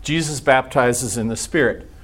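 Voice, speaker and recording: A Bible class teacher with an American accent gives an informal teaching talk to a church group, his medium-pitched voice a bit bright with a breathy edge at normal speed. He talks conversationally, asking rhetorical questions and acting out imagined reactions.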